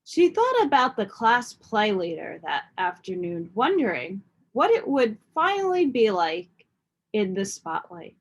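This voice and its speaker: A woman reading a children's storybook aloud in expressive narration. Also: mid-range voice, unhurried, breathy edge. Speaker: storybook reader.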